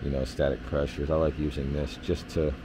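A man, an HVAC technician, giving a relaxed hands-on explanation of system readings in a basement furnace area, with lots of fillers. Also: a bass voice, a little fast, background noise.

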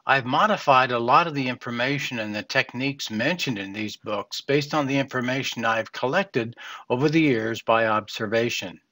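An older man gives a fly fishing lesson from a small room at home lined with shelves, explaining things plainly and earnestly with a few fillers and restarts. His mid-range voice sounds pushed and bright, and he keeps a moderate pace.

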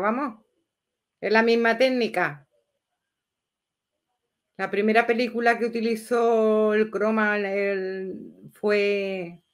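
A woman, chatting casually and rambling through a livestream as host. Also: on the high side. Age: 50s.

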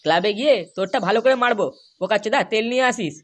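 A woman's voice: mid-range voice, very fast, slight background noise, lightly acted. A woman playing a crude rowdy young man. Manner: swearing, loud. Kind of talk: comic cartoon voice acting.

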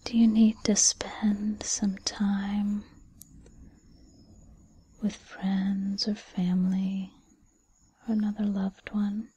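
A woman playing a gentle, patient fairy godmother in a whispered role-play, with a breathy whisper and a soothing, encouraging manner. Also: mid-range voice, little pitch movement, full character voice. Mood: gentle, reassuring. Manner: soothing, encouraging, unhurried second-person address.

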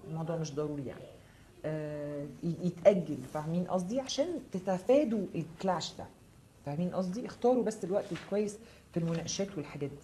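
Egyptian woman, tarot reader, rapid delivery, low mellow voice, reassuring and direct, answers viewer comments. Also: slight background noise. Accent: Egyptian Arabic.

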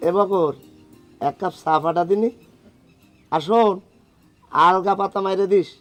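Brief: a wisecracking young shopkeeper, high bright voice. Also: male voice, a little slow, faint music behind. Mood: teasing. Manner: wry, bargaining, teasing. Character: cheeky young male phone-shop owner, a wisecracking stickler for rules. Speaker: phone shop owner.

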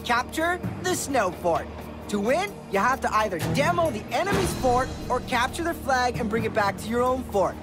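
A man's voice: extremely high pitch, very animated, normal speed. An actor playing a smug, gleefully cruel male reality show host in a cartoon, announcing with showy sarcasm. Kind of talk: cartoon voice acting. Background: loud music.

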